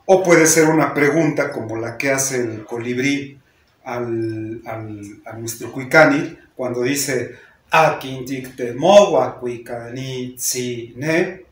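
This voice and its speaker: A man's voice: mid-range voice, fairly even intonation, a little slow, roomy sound. A man with a Mexican accent teaching a class, explaining patiently and often ending sentences with a questioning "¿no?". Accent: Mexican Spanish. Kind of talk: lecture to a class.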